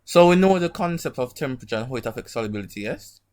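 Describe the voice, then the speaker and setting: A man gives an informal online lecture as a teacher. His speech is a little muffled, as if his mouth is sore, and he keeps a mid-pitched voice. He regularly stops to check understanding with short tag questions. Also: animated, rapid-fire, a little mellow. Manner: didactic, frequent check-in tags like "right?" and "okay?". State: sore mouth from an emerging wisdom tooth. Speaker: chemistry teacher. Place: online class over screen share.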